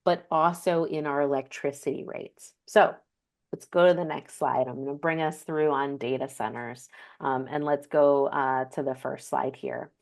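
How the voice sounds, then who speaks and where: A woman with a low-pitched voice walks an audience through a slide presentation. She explains step by step and often pauses on an um or corrects herself mid-sentence. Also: steady tone, vocal fry, a little mellow. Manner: explanatory, frequent ums and self-corrections. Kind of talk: slide presentation on energy costs.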